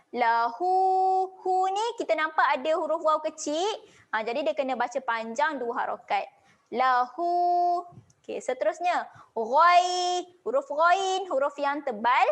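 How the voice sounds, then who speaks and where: A high-pitched Malaysian woman leads an online recitation lesson over a video call. She explains each letter patiently, one step at a time. Between explanations she chants slow, stretched-out model readings for her students. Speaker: Quran recitation teacher. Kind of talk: online tajwid class.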